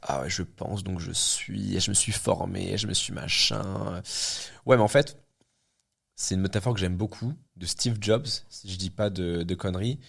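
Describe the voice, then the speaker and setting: A man in his twenties gives his frank opinions in a relaxed podcast conversation. His voice sits fairly low, and he circles his points with many fillers and self-corrections. The talk is loose and direct. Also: normal speed, vocal fry, breathy edge. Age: 20s. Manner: blunt, talks things through with many fillers and restarts. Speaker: guest entrepreneur. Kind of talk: casual podcast chat.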